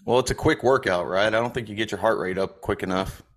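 A man co-hosting a casual sports podcast, blunt and profane, delivering crude jokes flatly. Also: lowish voice, fast. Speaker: podcast co-host.

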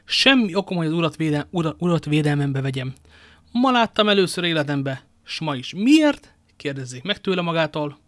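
A bold young swordsman in a storybook, commanding and quick-witted, as a male reader puts him on. His voice sits a little high and carries brisk authority. The recording is close and completely dry. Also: dry recording, lightly acted. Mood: mock indignant.

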